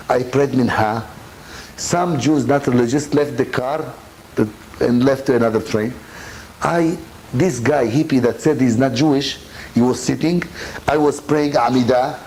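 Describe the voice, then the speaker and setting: Animated rabbi, broken English. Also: male voice, medium pitch, a little hiss or hum, rough recording. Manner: broken, simple English with Hebrew words mixed in; animated, acts out both sides of dialogues. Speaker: rabbi giving a Torah lecture. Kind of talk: storytelling sermon.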